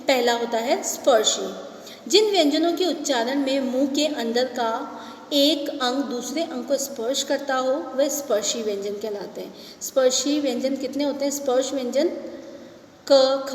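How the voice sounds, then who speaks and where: High-voiced woman teaching in an echoey room. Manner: explains step by step, checks understanding with rhetorical questions. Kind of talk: classroom grammar lesson. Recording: echoey room, voice far from mic.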